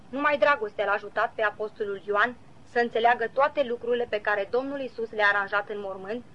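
A woman reading a devotional Bible commentary aloud in a measured, earnest way, citing verses as she goes. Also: on the high side, fairly bright tone. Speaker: Bible teacher. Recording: slightly dull lo-fi recording.

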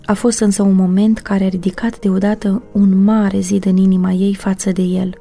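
Style: mellow female audiobook narrator. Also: medium pitch, little pitch movement, creaky, faint music behind.

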